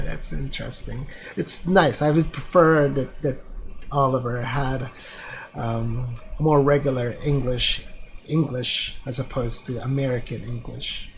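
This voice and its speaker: A man's voice: medium pitch, slight background noise, poor audio. A man giving casual, hesitant commentary while streaming a video game, rambling with many fillers into a streaming microphone. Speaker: let's play streamer.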